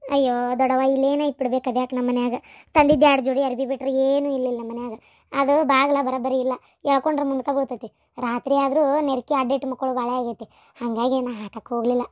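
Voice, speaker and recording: A woman's voice: high voice, flat delivery, fast, no room sound, clean studio sound, natural voice. A woman voicing a tired, downcast young married daughter with a North Karnataka Kannada accent in a cartoon story. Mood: weary.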